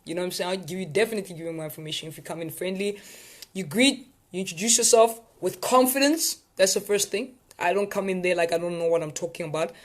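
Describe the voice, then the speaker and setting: Here the South African host of a live tips session talks fast in a high voice. He keeps the casual session for viewers loose, rambling, and playful.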